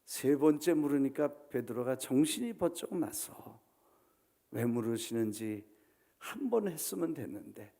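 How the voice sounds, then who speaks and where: Gravelly, animated male pastor preaching. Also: medium pitch, measured pace. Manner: dramatic, acts out biblical quotes with swings from loud to hushed; mixes English words into Korean. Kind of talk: sermon. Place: church sanctuary.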